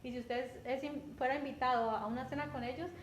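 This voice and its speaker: Una mujer con acento colombiano que predica un sermón en tono conversacional, repitiendo palabras y preguntando a menudo «¿cierto?». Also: female voice, high-pitched, steady tone, fast talker. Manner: conversational, repeats words, often asks "¿cierto?". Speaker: preacher. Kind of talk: sermon. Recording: echoey room with faint background noise.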